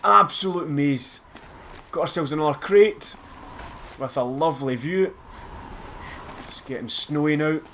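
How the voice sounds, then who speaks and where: A man's voice: fairly high pitch, unhurried, pauses often, a little hiss or hum. A man with a Scottish accent giving casual, chatty and self-mocking commentary over a game as a let's play host. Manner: chatty, self-mocking, bursts into loud laughs.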